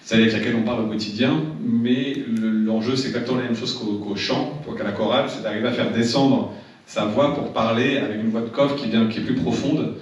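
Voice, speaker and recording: A man's voice: mid-range voice, steady tone, fairly quick. A man training a seminar audience in public speaking, talking casually with many restarts and repeated words. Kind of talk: seminar talk to a live audience. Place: seminar room. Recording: echoey room, distant mic, dull sound.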